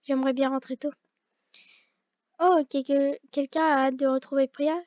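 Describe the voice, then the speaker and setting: A woman's voice: sits high, level tone, normal speed, no echo. A young woman reading dialogue from a visual novel aloud, often stumbling and restarting lines. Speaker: fan reader voicing a visual novel. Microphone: old gaming headset. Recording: dull lo-fi gaming headset mic.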